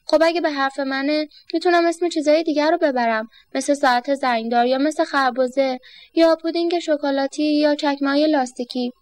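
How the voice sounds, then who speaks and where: A woman's voice: sits high, fairly even intonation, no echo, natural voice. A woman voicing a cheerful, curious young boy in a storybook reading, talking eagerly.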